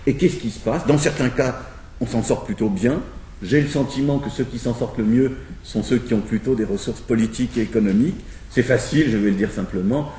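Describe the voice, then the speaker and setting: Hesitant French sociologist, roomy and distant. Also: male voice, mid-range voice, mellow, a little hiss or hum. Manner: thinking aloud with hesitations and restarts. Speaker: sociologist in a discussion. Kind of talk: spoken lecture-style argument.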